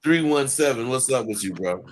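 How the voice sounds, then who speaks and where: A man's voice: mid-range voice, expressive, normal speed. A man hosting a call-in show, blunt and profane, cutting the caller off.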